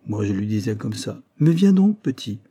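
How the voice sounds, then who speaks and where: A man voicing a simple, chatty male gardener recounting an anecdote, jumping high to mimic a child's cries. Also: moderate pace, warm tone, husky, no echo, natural voice.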